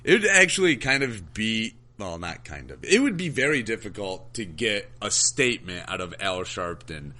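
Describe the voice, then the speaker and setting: A man's voice: fairly low pitch, very animated, sharp tone. A man co-hosting a podcast in casual banter, often stumbling and restarting his words. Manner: halting, stumbles over words. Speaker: podcast co-host.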